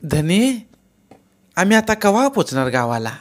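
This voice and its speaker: A man voicing a young village wife who talks in a plaintive, gentle way. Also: high voice, very animated, measured pace, voice pushed up. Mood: weary, plaintive.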